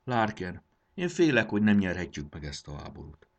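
A man's voice: on the low side, big pitch swings, voice pushed up. A man voicing an anxious, fearful creature with a worried, trembling way of talking in an audiobook. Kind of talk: audiobook character voice.

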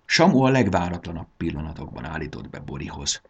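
A man narrating a children's storybook in an expressive storytelling manner. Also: deep voice, gravelly, lo-fi sound, a little hiss or hum.

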